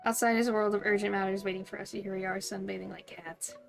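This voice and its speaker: A woman's voice: medium pitch, level tone, quick pace, gravelly, soft background music. A woman streaming a game, reading its text aloud and breaking into bubbly, giggly, playful asides.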